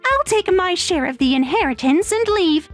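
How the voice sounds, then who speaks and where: A woman voicing a panicked, entitled young wife in a dramatized text story, pleading and shrill. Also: lively intonation, moderate pace, faint music behind. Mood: bitter.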